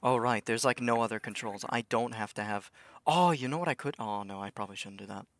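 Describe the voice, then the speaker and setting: A man's voice: mid-range voice, a little fast, a bit bright, no echo. A young man streaming a game, talking to himself in a rambling way, stammering and swearing now and then. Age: young adult. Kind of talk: casual live-stream commentary.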